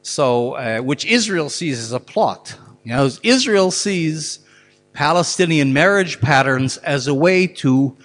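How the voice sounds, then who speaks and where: An earnest man lecturing in a large hall, his slightly higher voice ringing out with a long echo. He argues his points with conviction and often stumbles over repeated words while thinking. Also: animated, unhurried, a bit bright. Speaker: speaker at a public talk. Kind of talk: public lecture with Q&A.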